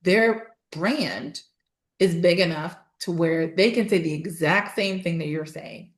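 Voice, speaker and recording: A woman's voice: on the low side, a little slow. Emphatic woman guest in an echoey room. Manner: emphatic, animated, laughing asides. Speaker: podcast guest, voice and storytelling coach. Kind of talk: casual interview chat. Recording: roomy echo.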